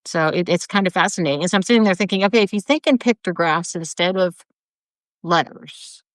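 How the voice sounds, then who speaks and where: A woman in casual chat, explaining slowly with many restarts and fillers. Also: lowish voice, dry recording. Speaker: co-host.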